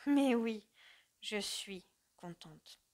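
A woman's voice: fairly high pitch, animated, extremely slow. A woman voicing a trembling, anxious mother. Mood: hesitant. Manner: soft, trembling, hesitant. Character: anxious distressed middle-aged mother, gentle.

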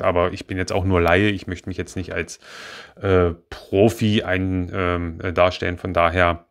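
A man with a somewhat low voice talks through a brick-built car model in a loose, unscripted review. He hesitates often, fills pauses and corrects himself mid-sentence. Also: a bit bright. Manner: rambling, hesitant, many fillers and self-corrections. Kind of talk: casual spoken product review.

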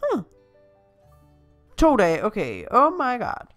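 A woman's voice: on the high side, huge pitch swings, fairly bright tone, faint music behind. A woman with a Danish accent, chatting casually through her own gameplay as a Let's Play host, reading the screen aloud and exclaiming often.

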